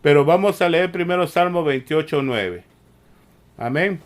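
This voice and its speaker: A man preaching a sermon, repeating himself and saying "amén" often, growing forceful when he scolds. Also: on the high side. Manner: slow, repetitive preaching with frequent "amén" and "mire".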